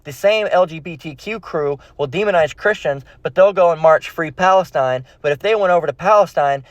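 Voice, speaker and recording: Preaching off the cuff and reading scripture, this street-style Bible preacher is blunt, slangy, and confrontational, often repeating himself and ending phrases with quick checks like "okay?" and "all right?" His voice is on the high side. The lo-fi recording sounds dull and dry, with no room sound.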